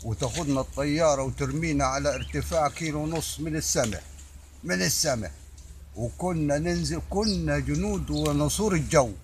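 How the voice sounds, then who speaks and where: A man's voice: on the high side, a little fast, noisy background. An older man with an Egyptian Arabic accent speaks off the cuff in an emphatic, repetitive way, stumbling over words as he addresses the public. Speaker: army veteran giving his opinion. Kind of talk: impromptu monologue addressed to the public.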